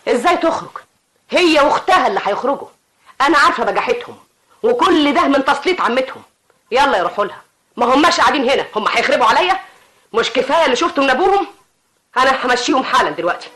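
A shrill domineering mother. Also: very animated, rapid-fire, a bit bright. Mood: doting. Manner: shrill, doting to husband, harsh to daughters. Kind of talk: vintage radio drama acting.

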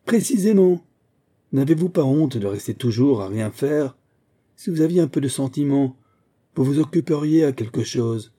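A man voicing a harsh, shrill old spinster schoolmistress who scolds loudly. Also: fairly quick, breathy edge. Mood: scolding. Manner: scolding, loud.

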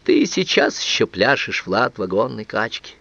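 A man's voice: medium pitch, very animated, normal speed, vocal fry, fairly bright tone, dry recording. A man voicing a brooding young man talking to his mother in an audiobook, earnest and reflective. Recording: dull, dry, lo-fi studio recording.

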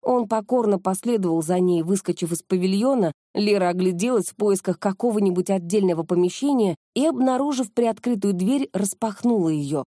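A female audiobook narrator reads scripted narration in a steady, measured storytelling style. Her voice is mid-range, and the studio recording is clean with no echo.

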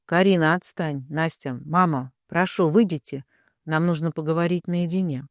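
A man voicing a stern, coldly furious man who speaks with low, controlled menace in an audiobook. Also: moderate pace, dry recording, studio quality, lightly acted.

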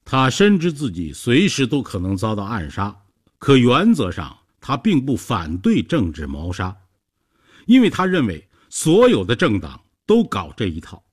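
In what sounds like a studio reading, a man narrates a story in a measured, scripted style. His tone is a little husky, and his pitch swings hugely, climbing and dropping across every sentence.

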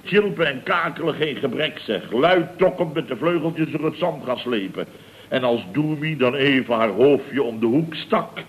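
In an old radio comedy, a man plays a pompous Dutch building contractor who blusters, brags, stammers through repetitions, and laughs at his own fake outrage. His natural voice sits at a middling pitch, and the audio quality is poor.

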